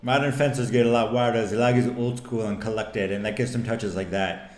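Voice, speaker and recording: A man's voice: on the low side, fairly even intonation, fairly quick. Laid-back man commentating fencing. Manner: laid-back, repeats words as he thinks. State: tired. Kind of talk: casual sports commentary. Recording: roomy echo.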